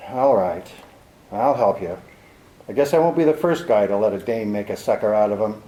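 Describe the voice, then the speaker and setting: A man's voice: fairly low pitch, moderate pace, dark tone, natural voice. A man playing a cynical, tough private detective with a wry, clipped, world-weary delivery, in 1940s radio drama style, in a roomy recording.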